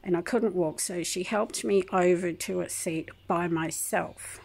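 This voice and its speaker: A woman's voice: lowish voice, a little slow, gravelly, a little mellow, breathy edge, poor audio. An older woman, rambling and aggrieved as she tells a long personal story in a casual home vlog, with many ums and restarts. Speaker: vlogger. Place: home kitchen.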